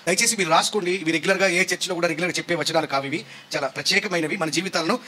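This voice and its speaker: A male pastor preaching a sermon, emphatic and full of rhetorical questions that build to shouts. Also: high-pitched, very fast.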